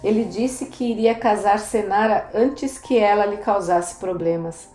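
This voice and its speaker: A woman reading the lines of a wistful, resigned young woman in an audiobook, speaking softly. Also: mid-range voice, unhurried, lightly acted. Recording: roomy echo, faint music.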